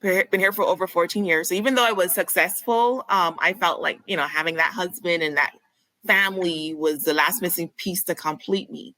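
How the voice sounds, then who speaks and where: A woman from Barbados, a physician guest on a podcast, explaining clearly and speaking candidly. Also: on the low side, normal speed, bright, forceful tone, no echo, low-quality recording. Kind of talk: conversational podcast interview.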